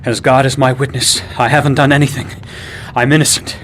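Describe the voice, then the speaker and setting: A man's voice: medium pitch, flat delivery, brisk, a bit bright, slight background noise, lightly acted. An actor playing a fearful religious zealot man who preaches about doom and breaks into frantic screams. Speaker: suspect in a game cutscene.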